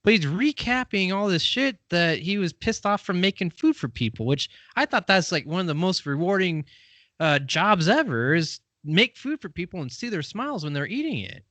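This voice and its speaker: A man's voice: high-pitched, very animated, normal speed, fairly bright tone, dry recording. A man co-hosting a movie podcast in loose, rambling casual chat, full of fillers. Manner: rambling, lots of fillers and laughs. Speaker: podcast co-host.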